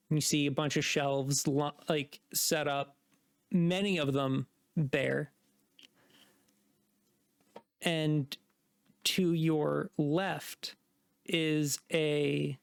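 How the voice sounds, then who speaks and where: A man's voice: on the high side, gravelly, clear, resonant tone, no echo. A man narrating a tabletop game as game master, describing scenes with many likes and restarts. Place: home streaming setup.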